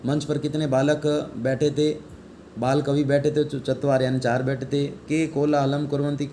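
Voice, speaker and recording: A man's voice: medium pitch, mellow, slight background noise. A male teacher giving an online class lesson, reading Sanskrit text aloud and explaining it in Hindi, asking the class questions and answering them himself.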